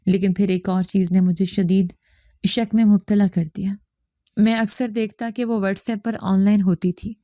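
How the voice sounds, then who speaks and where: A woman reading a scripted story narration in a steady, even manner. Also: medium pitch, no echo, clean studio sound.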